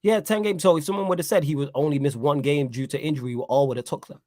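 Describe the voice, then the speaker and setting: Here the pundit's voice sits fairly high with a darkish tone, and he talks fast. He gives a casual football reaction, stressing his points and repeating "you know what I'm saying" for effect.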